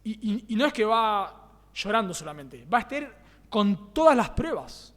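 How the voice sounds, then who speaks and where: High-voiced Rioplatense pastor in reverberant hall. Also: male voice, big pitch swings, normal speed, a bit bright. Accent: Rioplatense Spanish. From Argentina. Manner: earnest, repeats key phrases for emphasis; asks the congregation rhetorical questions. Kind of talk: sermon. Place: church.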